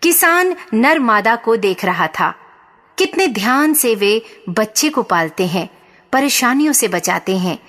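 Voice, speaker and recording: A woman narrating a children's story in a calm, measured way. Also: fairly high pitch.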